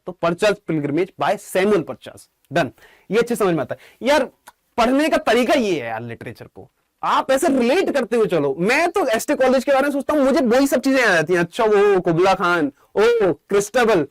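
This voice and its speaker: A young man with an Indian accent gives a chatty, informal exam-prep lecture on English literature, joking with his students. His voice sits high, with no room sound in the recording.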